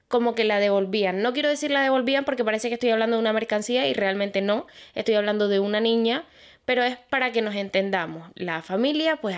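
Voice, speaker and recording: A young woman hosting her own channel, telling a true crime case in a chatty way and speaking straight to her viewers. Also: a little high. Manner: chatty, addresses viewers directly, fillers like "pues". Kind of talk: casual true crime narration.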